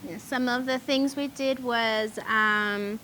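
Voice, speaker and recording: A young woman with an Australian accent and a fairly high voice tells her story in a relaxed way. She hesitates often and fills the gaps with ums. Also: slow pace, slight background noise, rough recording. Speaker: charity founder. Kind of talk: casual storytelling.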